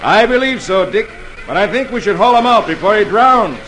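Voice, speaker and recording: A man voicing a calm colonial rebel leader with a dry sense of humor. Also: high-pitched, normal speed, pitched above the performer's own voice. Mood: twinkling. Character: calm adult male patriot leader, wry.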